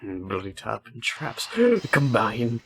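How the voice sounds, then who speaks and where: A man's voice: lowish voice, animated, slow, fairly bright tone, slightly rough, soft background music, heavily acted. A man voicing a stern, exacting prosecutor from a video game in a formal, dry manner. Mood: serious, measured. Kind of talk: video game character reading.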